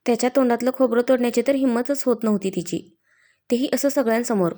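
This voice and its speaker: Female storyteller, slightly high, mellow tone, scripted narration. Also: quick pace. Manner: reads all the dialogue in her own voice.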